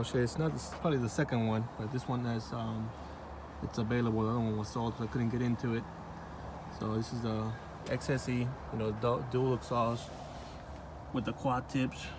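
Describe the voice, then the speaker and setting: Guy walking round a car on a dealer lot, easygoing, mid-pitched voice, phone mic, lot noise behind. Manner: relaxed, offhand, talks to viewers directly. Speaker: car salesman showing a new car. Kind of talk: casual walkaround video. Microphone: phone held in hand while filming.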